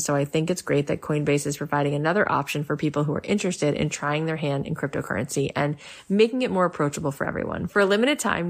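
A woman with a slightly low voice delivers a scripted podcast sponsor read. Her manner is promotional, and she presents each point as a host endorsing a product.

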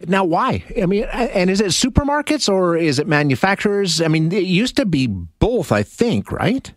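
A man's voice: high voice, moderate pace, no echo, studio quality. A man hosting a radio interview in a chatty, conversational way. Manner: lively, chatty.

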